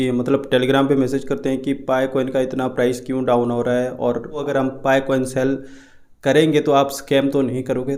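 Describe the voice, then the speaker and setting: Young Indian guy, casual Hinglish-style vlog delivery, chatty and reassuring, cheap mic, mid-pitched everyday voice. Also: a little mellow. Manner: chatty, repetitive, reassuring, many fillers and restarts. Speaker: YouTube crypto vlogger. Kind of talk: casual Hindi-English vlog talk. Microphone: cheap unreliable microphone.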